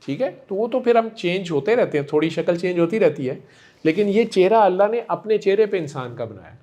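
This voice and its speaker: A man counseling a patient in a gentle, coaxing and affectionate way, repeating himself warmly. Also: sits high, animated. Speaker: spiritual healer counseling a patient. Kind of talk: one-on-one counseling session.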